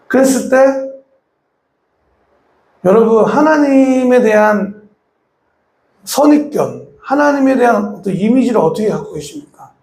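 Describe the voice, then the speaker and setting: A man's voice: very high voice, animated, unhurried, long pauses, a little mellow, echoey room. A male pastor preaching a sermon, throwing rhetorical questions to his congregation and acting out voices.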